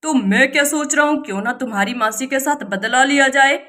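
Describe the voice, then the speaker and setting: A woman's voice: high-pitched, brisk, pushed and bright. A woman doing a sly, plotting village uncle. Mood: scheming. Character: scheming spiteful village man, uncle.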